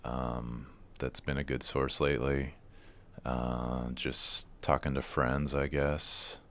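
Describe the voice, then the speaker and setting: A man's voice: rumbling low, little pitch movement, takes it slowly, pushed and bright. A man speaking as a podcast guest, chatting informally and often saying "like" and "you know". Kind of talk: casual interview chat.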